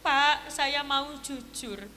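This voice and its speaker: A woman voicing a remorseful male market thug who humbly confesses, slowly and softly, in an echoey live recording. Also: high voice, a little hiss or hum, exaggerated voice. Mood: humble.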